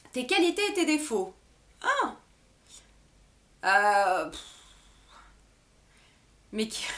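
A woman's voice: a little high, fairly bright tone. A young woman from France, a beauty vlogger chatting casually to camera and answering viewer questions, giggly and full of fillers. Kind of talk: casual FAQ chat to camera.

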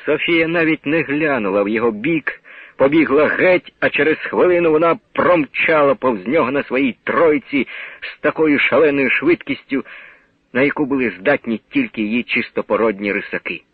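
A man giving a grave, measured dramatic reading of a novel as narrator. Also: mid-range voice, expressive, breathy edge, dry recording. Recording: narrow old radio broadcast sound.

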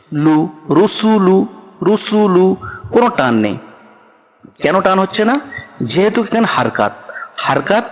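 A man's voice: a little high, long reverb tail. A man teaching Quran reading, patiently spelling out each letter and syllable aloud. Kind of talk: slow spelling-out lesson.

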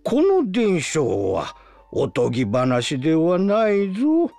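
An actor playing a sleepy, cranky, hard-of-hearing old village elder in a video game, talking in an old-fashioned, drawn-out way like an old prospector. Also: male voice, on the high side, wildly swooping pitch, gravelly, warm tone, faint music behind, exaggerated voice. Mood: solemn, unhurried. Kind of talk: video game character acting.

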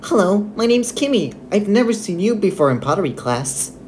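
A woman acting out a comic strip character in an expressive, playful manner. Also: medium pitch, fairly quick, slight background noise. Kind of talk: acted comic strip reading as a cartoon date.

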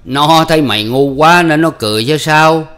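A man's voice: fairly high pitch, moderate pace, fairly bright tone, clean tone, pitched above the performer's own voice, natural voice. A male audiobook reader voicing a blunt, teasing older village official who mocks a simple farmer. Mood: mocking. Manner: teasing, blunt, laughing at others.

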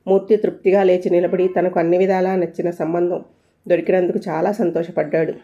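Woman storyteller, playful narration, mellow dark tone, dull lo-fi audio. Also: lowish voice, little pitch movement, brisk.

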